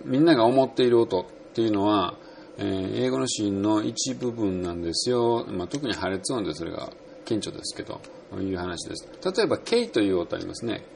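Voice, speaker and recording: A man with a Kansai accent talks through a relaxed audio lesson on English pronunciation, acting out sounds as he explains. His voice is gravelly, and his pitch bounces up and down as he talks. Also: slight background noise. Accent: Kansai Japanese. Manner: chatty, explains with spoken sound demos.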